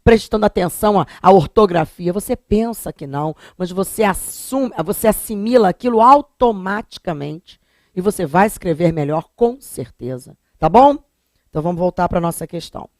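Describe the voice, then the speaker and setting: Lively carioca woman teaching grammar. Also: lowish voice, moderate pace, no room sound, studio quality. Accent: Carioca Brazilian Portuguese. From Rio de Janeiro, Brazil. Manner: lively, talks straight to students, drawls words out to show pronunciation. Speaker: Portuguese language teacher. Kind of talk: recorded exam-prep lesson.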